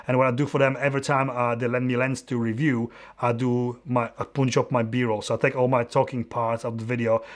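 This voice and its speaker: A Polish photographer and YouTuber in his forties, with a mid-range voice and a Polish accent, hosts a live Q&A stream from his dimly lit home studio. He answers questions in a friendly, open, casual way, halting often, restarting sentences and using plenty of fillers.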